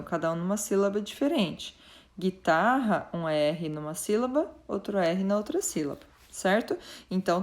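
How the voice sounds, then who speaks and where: Slow, patient woman teacher. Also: medium pitch. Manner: patient, checks in with "certo?" often; stretches out example words slowly. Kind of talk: recorded lesson explanation.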